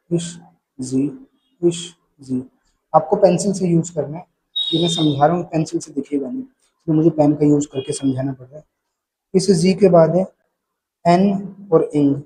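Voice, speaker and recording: Male shorthand teacher, husky voice, slow drilling delivery, mellow tone. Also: a little high, low-quality recording. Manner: calls out paired sounds in rhythm for drills. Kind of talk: slow step-by-step lesson.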